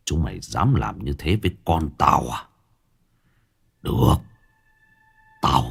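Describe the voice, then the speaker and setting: A man voicing a stern older martial arts master who speaks gruffly, holding back anger. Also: extremely low pitch, pitched below the performer's own voice, heavily acted. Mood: furious.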